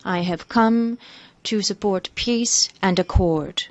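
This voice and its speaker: A woman giving a live interpretation of a speech, measured and pausing between phrases. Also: medium pitch, no room sound. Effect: live interpreter voice over a speech. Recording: dull lo-fi broadcast feed.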